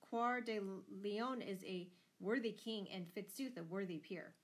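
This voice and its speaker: Jolly fat friar for a storybook tale, performed by a woman: impudent, unruffled, calmly making his point. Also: mid-range voice, measured pace, natural voice. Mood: calm, assured. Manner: calm, jovial, pointed. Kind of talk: dramatised storybook reading.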